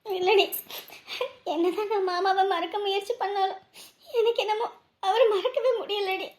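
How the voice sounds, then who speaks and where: A woman's voice: extremely high pitch, steady tone, moderate pace, a little mellow, roomy sound. A woman playing a heartbroken young woman who talks tearfully about the man she loved. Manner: tearful, plaintive. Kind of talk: web series acting.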